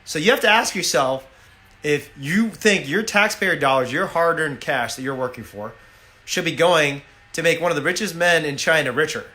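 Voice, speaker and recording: This animal rights activist's voice is on the high side and sharp-toned, moving at a moderate pace. On a casual home livestream captured by a phone or laptop, he talks to his viewers directly, earnest and persuasive.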